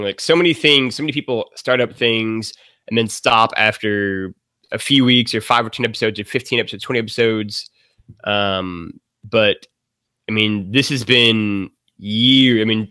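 A man's voice: on the low side, pushed and bright, no room sound. A man talking casually as a guest on a gaming podcast, rambling with lots of fillers and frequent laughs.

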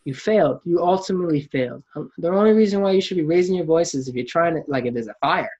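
A man's voice: fairly high pitch, lively intonation, quick pace, darkish tone, slightly rough, muffled recording. A man hosting a podcast, talking in a reflective, casual way and often restarting his sentences. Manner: reflective, frequent restarts and acted-out quotes. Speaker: podcast host.

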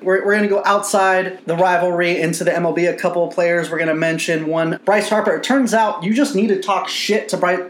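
A man co-hosting a podcast in casual sports chat, animated and profane, laughing often. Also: high-pitched, a little fast, few pauses, echoey room. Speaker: podcast co-host.

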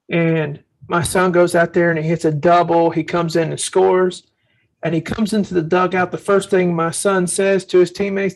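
A slightly high, gravelly male voice comes through a low-quality recording. He co-hosts a faith-based parenting podcast, speaking earnestly and telling stories from his own life as a father, acting out quotes as he goes.

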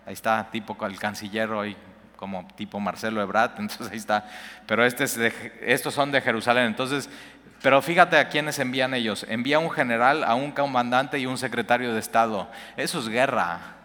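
A man's voice: mid-range voice, steady tone, brisk, pushed and bright. A man teaching a Bible passage, reading verses aloud and explaining them in a conversational way. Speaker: preacher. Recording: long hall reverb.

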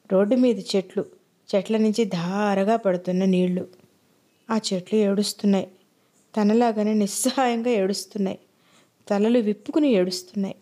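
Mellow-voiced woman narrating a story. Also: mid-range voice. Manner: measured, dramatic reading. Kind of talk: scripted narration.

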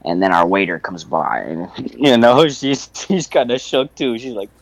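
A young man hosting a podcast, telling a story in a casual, profane, animated way with frequent laughter. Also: medium pitch, unhurried, vocal fry, dry recording. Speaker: podcast host.

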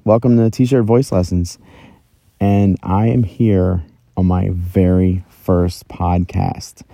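A man's voice: low-pitched, level tone, slow pace, vocal fry, mellow, dry recording. A middle-aged man hosting a solo podcast from inside a closet, telling his own story in a casual, conversational, self-deprecating way. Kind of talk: casual first-person podcast monologue. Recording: very dry, close closet recording.

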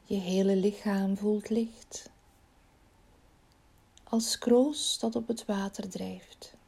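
A woman leading a guided body-scan relaxation in a slow, soothing, soft voice that often drops near a whisper. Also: medium pitch, steady tone, creaky, husky.

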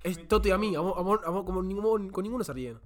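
Argentine young dude co-hosting a chat podcast, rapid, swears a lot, jumps in over people. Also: male voice, sits high, crowd noise. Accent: Argentine Spanish. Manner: animated, interrupting, swearing. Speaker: podcast co-host. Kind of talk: casual chat.

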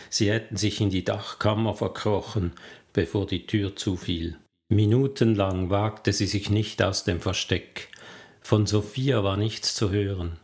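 A man reading a story aloud in calm, measured narration. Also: lowish voice. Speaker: audiobook narrator. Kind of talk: scripted narration.

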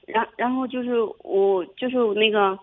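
A woman's voice: fairly high pitch, steady tone. Young woman on a tinny phone line. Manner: halting, many restarts and fillers. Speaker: caller. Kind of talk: phone-in advice call.

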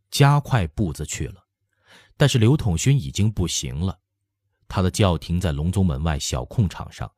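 A man narrating a historical novel as an audiobook, telling the story in an expressive way. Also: sits low, no echo, clean studio sound. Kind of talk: scripted narration.

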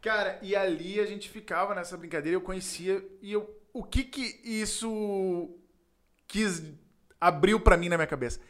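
Man, Gaúcho accent, high-pitched, animated storyteller, slangy, acts out voices. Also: normal speed. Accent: Gaúcho Brazilian Portuguese. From Rio Grande do Sul, Brazil. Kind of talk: casual storytelling chat.

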